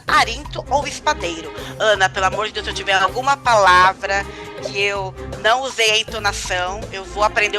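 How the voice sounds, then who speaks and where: A woman with a Brazilian Portuguese accent hosting a live online quiz over a video call, excitable and playfully dramatic as she builds suspense. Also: mid-range voice. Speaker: quiz host.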